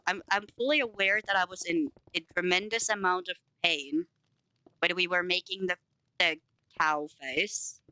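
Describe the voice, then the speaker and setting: A young Finnish woman with a light Finnish accent chats casually in English with her stream while building in a game, rambling, giggling and teasing herself. Her voice is lowish, bright and forceful, in a rough recording with no echo.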